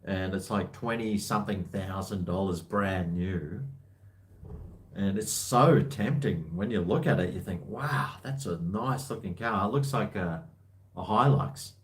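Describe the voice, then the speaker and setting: Low-pitched and unhurried, the host of a livestream rambles casually while answering viewer comments. His speech is laid-back and full of blokey slang.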